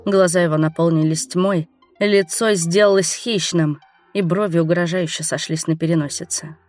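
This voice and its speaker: A woman narrating a first-person fantasy audiobook in a lively, expressive way. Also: fairly low pitch, moderate pace, dry recording, faint music behind.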